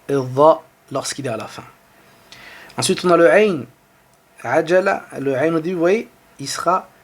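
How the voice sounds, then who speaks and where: A man with a high, light voice and a French accent teaches the Arabic alphabet. He talks patiently, sounds out each letter and vowel slowly, and circles back to repeat them. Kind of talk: online lesson.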